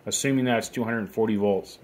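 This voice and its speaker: Low-voiced man explaining hot tub repairs. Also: steady tone, fairly quick, very noisy. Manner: plain, practical step-by-step instructions. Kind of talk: casual how-to demonstration. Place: outdoors beside a hot tub equipment bay.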